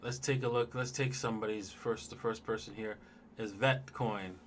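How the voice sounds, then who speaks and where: Guy on a livestream going over charts, lowish voice, rambly, a little hiss in the background. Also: fairly even intonation, moderate pace. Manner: loose, rambling, talks straight to viewers. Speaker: livestream host. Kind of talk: casual livestream chart commentary.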